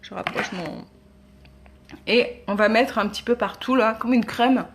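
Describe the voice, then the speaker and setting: A woman's voice: fairly high pitch, measured pace, background noise. A woman, chatting casually as a beauty vlogger demonstrating makeup, with many hesitations. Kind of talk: casual product demo.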